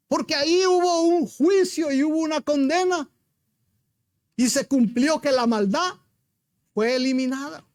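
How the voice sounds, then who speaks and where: A man's voice: extremely high pitch, no echo, studio quality. A man preaching a sermon as pastor, retelling a story with emphasis and rhetorical questions to his congregation.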